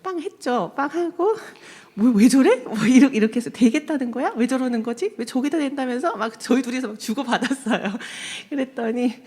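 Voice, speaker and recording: A woman's voice: high voice, fairly quick, hardly any pauses, a little mellow, husky, long reverb tail. A woman in her thirties telling a personal testimony to a congregation, acting out the voices in her story and laughing often. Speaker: church member giving testimony. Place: church sanctuary.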